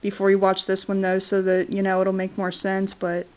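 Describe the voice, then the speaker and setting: Congested and clearing her throat, a woman vlogger reviews her favorite movies in casual talk to camera. Her mid-range voice is a flat monotone at a moderate pace, hesitant and riddled with fillers and restarts, over dull lo-fi audio.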